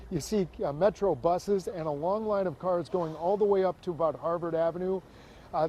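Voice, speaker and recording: A man's voice: sits high, slight background noise. Male reporter live from a busy street. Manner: steady, urgent newscaster delivery. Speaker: field reporter. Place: outdoors at a busy street intersection.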